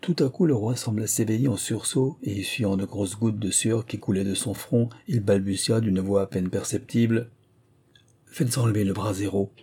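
A man narrating a historical tale in a measured, literary reading. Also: lowish voice, warm tone, husky.

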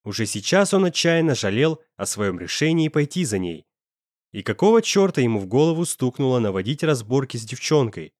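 Guy reading a story out loud, really animated tone, dry close-up sound. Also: mid-range voice, no echo. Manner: expressive reading that acts out every character. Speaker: audiobook reader. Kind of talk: dramatic story narration.

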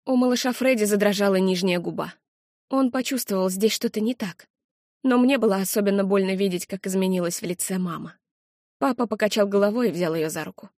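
A woman narrates an audiobook in the first person, steady and expressive. Her voice sits in a middle pitch. The recording is dry and close, with no room sound. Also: brisk, dry recording.

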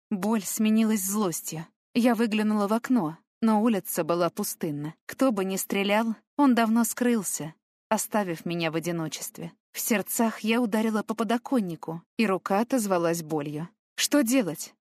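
A woman's voice: mid-range voice, normal speed, a little mellow, dry recording, clean studio sound. A woman reading a novel aloud in first person, telling it in a tense, emotional way. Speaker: audiobook reader. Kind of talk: scripted first-person narration.

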